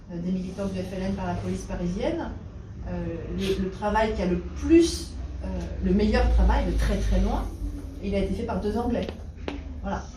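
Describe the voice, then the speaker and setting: A French woman historian and university lecturer, answering questions in a thoughtful, hesitant way. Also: medium pitch. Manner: thoughtful, many hesitations and restarts. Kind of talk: conversational talk answering questions. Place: meeting room. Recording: roomy echo from a distance, noisy room.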